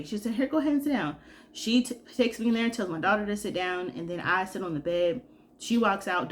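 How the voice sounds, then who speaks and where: A young woman from Georgia, sick and congested, chats casually in her vlog, animatedly telling a story and acting out what people said. Her voice is mid-range, with slight background noise.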